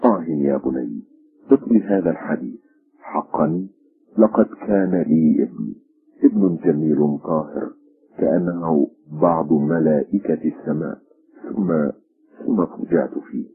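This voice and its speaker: A grieving old widow who speaks in slow, broken sorrow, as a male narrator puts her on. The voice is deep and very husky. It sounds like a dull lo-fi old radio recording. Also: very animated, soft background music, full character voice. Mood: mournful. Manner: sorrowful, halting speech. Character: grieving elderly mother, a painter's widow.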